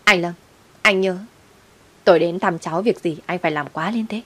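A woman's voice: fairly low pitch, normal speed, fairly bright tone. A woman voicing a self-righteous older grandmother who scolds and reproaches. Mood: reproachful. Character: scheming older mother-in-law, reproachful.

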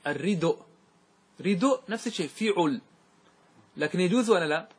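A man teaching a grammar lesson to a class. He recites verse slowly, asks questions and answers them himself. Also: high-pitched, animated, breathy edge. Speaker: sheikh teaching Arabic grammar.

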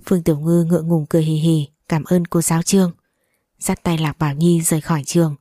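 A woman's voice: low voice, flat delivery, fast, warm tone, dry recording, studio quality. A woman narrating a novel as an audiobook, reading steadily and evenly.

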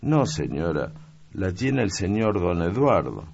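A chatty young servant girl speaks in a high, eager, gravelly voice, as a male audiobook reader puts her on. She keeps an unhurried pace. The recording sounds dull and lo-fi. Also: big pitch swings, darkish tone, exaggerated voice.

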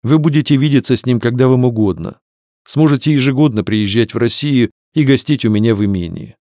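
A man's voice: medium pitch, brisk, darkish tone, dry recording, studio quality, natural voice. A male narrator voicing a cold, unyielding nobleman who speaks in a clipped, reproachful way. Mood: cold, firm.

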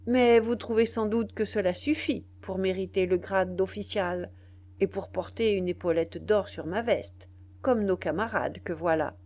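Lady reading as a cocky soldier bragging about what he did, emphatic, medium-pitched voice, storybook reading. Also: measured pace, darkish tone, natural voice. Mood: proud. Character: proud, boastful rebel soldier, then bewildered.

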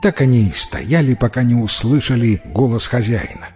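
A man narrating a fairy tale in an expressive storytelling manner. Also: medium pitch, normal speed, soft background music. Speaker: reader.

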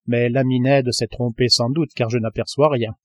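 A man reading a classic novel aloud as an audiobook narrator, in a measured, literary storytelling manner. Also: mid-range voice, fairly even intonation, dry recording. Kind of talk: scripted narration.

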